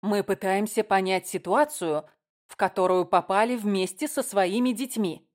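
A woman reading an audiobook, voicing a flustered young TV host who tries to calm things down. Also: mid-range voice, normal speed, close to an everyday voice. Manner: uncertain, trying to calm things.

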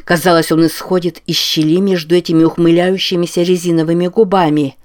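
A man reading a novel aloud as an audiobook narrator, with measured scripted narration. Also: a little high, flat delivery, darkish tone.

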